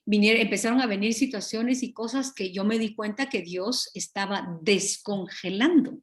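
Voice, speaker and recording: A woman teaching a Bible study over a video call, earnest and animated, often correcting herself mid-sentence. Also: medium pitch, normal speed. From Guatemala.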